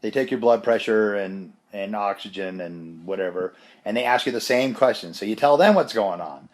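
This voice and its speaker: A vlogger sick with bronchitis and a chesty cough gives a casual personal health update in a lowish voice at a moderate pace. He rambles and pokes fun at himself.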